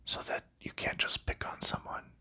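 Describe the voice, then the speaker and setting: An ASMR creator, a man, whispers his way through a board game, explaining its rules and components in a soft, unhurried voice.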